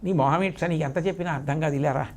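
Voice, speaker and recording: A man's voice: on the high side, racing, a little mellow, voice pushed down, natural voice. A man voicing a stern grown male tiger who scolds a cub in a sermon story. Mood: scolding. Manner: scolding, insistent.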